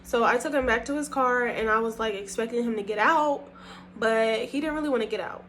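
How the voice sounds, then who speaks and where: A young woman telling a casual storytime about dating, animated and profane, often laughing. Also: on the high side, brisk, slight background noise. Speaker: storytime vlogger.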